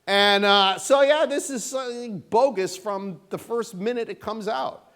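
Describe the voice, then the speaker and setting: This middle-aged Sunday school teacher at a church has a high-pitched voice and an unhurried way of talking. He's casual, animated, and folksy, with a sarcastic streak and lots of filler words.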